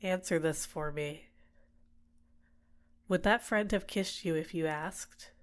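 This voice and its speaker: A woman performs a manipulative villainess for an ASMR roleplay. Her voice sits on the low side, soft and deliberate, soothing her captive with possessive tenderness and gentle coaxing. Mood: tender, possessive. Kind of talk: ASMR roleplay, intimate personal attention.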